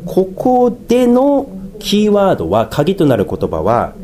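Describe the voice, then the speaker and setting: Animated Japanese pastor with a mellow voice. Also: male voice, sits high. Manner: animated, swings between slow emphatic phrases and quick asides, laughs at himself. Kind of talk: sermon.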